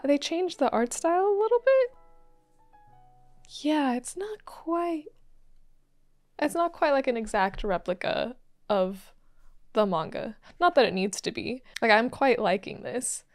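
A young woman hosting an anime reaction, gushing with excitable, giggly comments and gasps. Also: high-pitched, measured pace, faint music behind.

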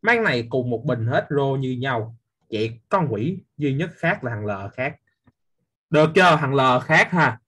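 Casting: young male physics teacher, husky, teasing, quizzes the class. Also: mid-range voice, moderate pace. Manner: lively, quizzing students by name, teasing. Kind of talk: live online class quiz review.

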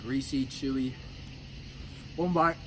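A man's voice: medium pitch, takes it slowly, noisy background. A man reviewing pizza outdoors at night, talking bluntly with his mouth full of pizza. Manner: blunt, deadpan verdicts. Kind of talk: casual food review.

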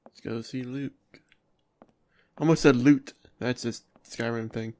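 A man's voice: mid-range voice, fairly even intonation, a little slow, warm tone, dry recording. Joking, swearing let's-play man. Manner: jokey, laughing and swearing, mocking the characters. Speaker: gameplay commentator. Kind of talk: casual let's-play commentary.

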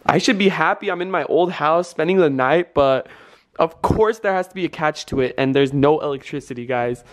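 A man's voice: fairly high pitch, a little fast. A man in his twenties chatting casually and nervously to a handheld camera, slangy and half talking to himself. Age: 20s. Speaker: vlogger. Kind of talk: casual vlog chat to camera. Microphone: handheld camera at arm's length.

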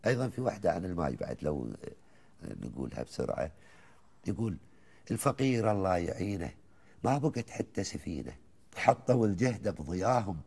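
A man with a Kuwaiti accent, a guest on a TV talk show, reciting colloquial poems in a lively, rhythmic way between bits of chat. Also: deep voice, fairly quick, vocal fry, husky. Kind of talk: reciting colloquial poetry in conversation.

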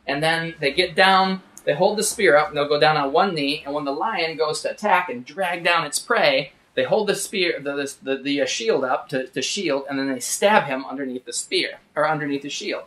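A man hosting from his art studio, telling travel stories with lively energy and acting out every moment. His voice sits a little high. The studio gives it a noticeable roomy echo. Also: moderate pace, few pauses. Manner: animated, acts out scenes. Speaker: artist and show host. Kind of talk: casual storytelling. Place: artist's studio.

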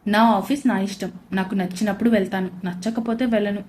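A woman's voice: mid-range voice, fairly even intonation, a little fast, a little mellow, slight background noise, close to an everyday voice. Woman voicing an arrogant, curt young husband. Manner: curt and sarcastic.

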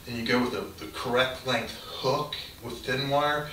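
A man's voice: medium pitch, measured pace, distant mic. A middle-aged man gives casual, rambling how-to advice straight to the camera in a cluttered garage. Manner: relaxed, rambling, gestures with hands while explaining. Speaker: fishing channel host. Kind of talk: casual instructional talk to camera. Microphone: camera mic from a few feet away. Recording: roomy garage echo, off-mic, faint hiss.

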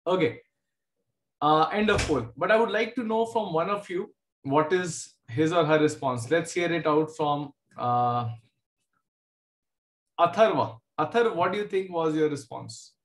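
An unhurried, slightly high male voice with a South Indian accent leads an informal online maths class. He jokes around with his students in a conversational way while teaching from an indoor room. The audio is echoey and roomy, as online class recordings often are.

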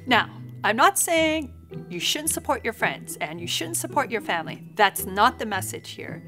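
A woman in her thirties, a spiritual guide, telling her story in a frank, chatty and dramatic way, acting out quotes. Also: a little high. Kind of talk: candid storytelling vlog.

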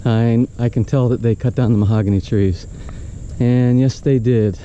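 A man's voice: mid-range voice, fairly even intonation, normal speed, mellow, lo-fi sound, slight background noise. An older man walking and talking to a handheld camera outdoors, rambling casually and pointing things out, with many restarts. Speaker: vlogger. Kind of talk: casual walk-and-talk vlog. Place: outdoors on a tropical roadside lot. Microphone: action camera held at arm's length.

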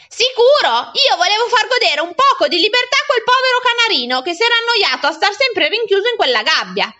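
A woman reading aloud and voicing a defiant young boy who protests loudly and emphatically. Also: extremely high pitch, dull audio, voice pushed up, full character voice.

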